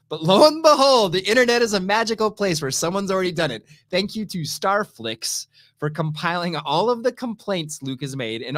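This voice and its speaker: A middle-aged man co-hosting a podcast in casual chat, animated and jokey. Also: high-pitched, no echo, clean studio sound. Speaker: podcast co-host.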